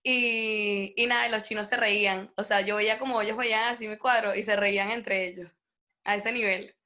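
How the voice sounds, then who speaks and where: With a moderate tempo and a voice in the middle range, a young Spanish-speaking woman talks as an interview guest. Her style is upbeat and relaxed, and she plays out the characters in her tale.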